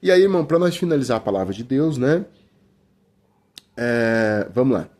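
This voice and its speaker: A man's voice: mid-range voice, very animated, normal speed, darkish tone. A middle-aged Brazilian man preaching an informal sermon in a conversational way, often calling listeners brother, with many restarts. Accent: Brazilian Portuguese.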